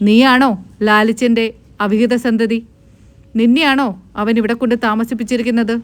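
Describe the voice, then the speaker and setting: A woman putting on a furious middle-aged aunt, her fairly high voice snapping out one scolding question after another. She speaks as a family elder who sounds affronted and demanding throughout. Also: moderate pace, close to an everyday voice. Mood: angry.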